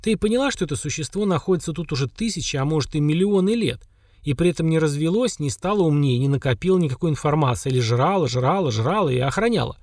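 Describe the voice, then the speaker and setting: A man's voice: on the high side, expressive, fast talker, darkish tone, no room sound, studio quality. A man voicing a confident young hero with an ironic, questioning, grumbling manner. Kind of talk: audiobook character voice.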